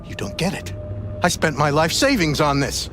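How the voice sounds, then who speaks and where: A man's voice: fairly high pitch, big pitch swings, normal speed, over music. An actor playing a vengeful, agitated man out to hire a killer in a video game, intense and profane, barking orders. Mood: grim, bitter.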